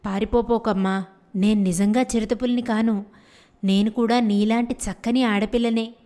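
A woman's voice: a little high, steady tone, normal speed, warm tone, lightly acted. Woman doing a spellbound girl-leopard. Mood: earnest. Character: leopard that is really an enchanted, defiant girl.

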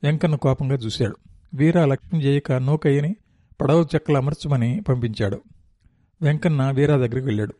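A man reading a novel aloud as narrator, in a steady, descriptive storytelling manner. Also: medium pitch, normal speed, no room sound.

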